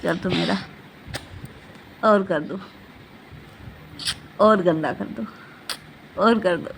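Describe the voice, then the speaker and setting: A woman's voice: lowish voice, extremely slow, creaky, slight background noise. A young woman, a mother, casually teasing and soothing her toddler at home, sometimes singing nursery rhymes, recorded on a phone camera. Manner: playful teasing, sing-song rhymes.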